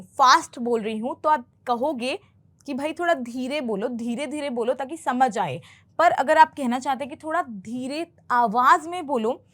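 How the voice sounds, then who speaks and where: Woman, English teacher, patient, repeats phrases for learners, high voice, slow pace. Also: fairly bright tone. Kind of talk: explaining film dialogue in a language lesson.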